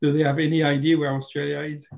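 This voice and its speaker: A man's voice: on the high side, little pitch movement, fast talker, creaky, a little mellow. A man with a French accent, a native French speaker, asks a brief, direct question over a video call. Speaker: audience member asking a question. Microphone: video call mic.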